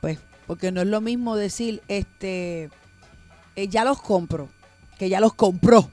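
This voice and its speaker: Animated woman co-host. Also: mid-range voice, slow pace, faint music behind. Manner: animated, reads news headlines between banter. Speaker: radio show co-host. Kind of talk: casual banter on a talk show.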